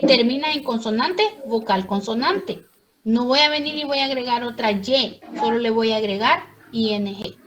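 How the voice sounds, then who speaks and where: A woman's voice: fairly high pitch, noisy background. A woman teaching English grammar to a class, explaining patiently step by step.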